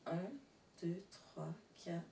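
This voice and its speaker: A woman taking part as a hypnosis volunteer, counting out loud hesitantly. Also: on the low side, little pitch movement, very slow, creaky, slight background noise. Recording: echoey room, distant mic.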